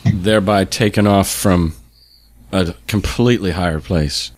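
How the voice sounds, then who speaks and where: A man's voice: low voice, a little slow. A middle-aged man hosting a podcast interview, casually talking and often restarting his sentences. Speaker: podcast host.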